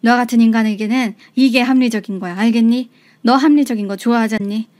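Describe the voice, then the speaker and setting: A woman voicing a stern older mother-in-law who scolds forcefully. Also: a little high, quick pace, lightly acted. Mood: cold.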